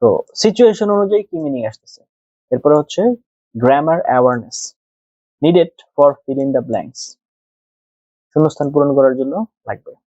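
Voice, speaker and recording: A man's voice: a little high, lively intonation, moderate pace, pauses often, mellow, no echo, muffled recording. A man from Bangladesh with a Bangladeshi accent, teaching an exam-prep lesson that mixes Bengali and English, asking and answering his own questions step by step. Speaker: exam tutor. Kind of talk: screen-share lesson mixing Bengali and English.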